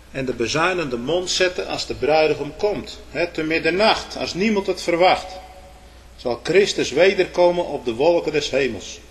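A man with a voice on the high side gives a sermon in antiquated biblical phrasing. His delivery shifts from soft asides to loud proclamations, punctuated often by "hè".

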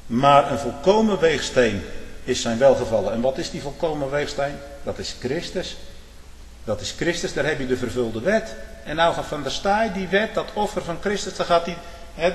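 A male preacher delivering a fiery sermon and prayer in a church, checking in with the congregation and rising to forceful shouting at the peaks. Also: a little high. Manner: checks in with the congregation with repeated "hm?" and "hoor"; rises to forceful shouting at climaxes. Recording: reverberant church hall.

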